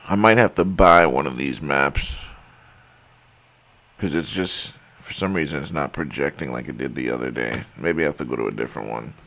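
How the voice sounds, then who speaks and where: Addressing his audience as guys, a man who hosts videos says his voice is going. He speaks in a low, slightly bright voice, with a casual, emphatic and argumentative manner.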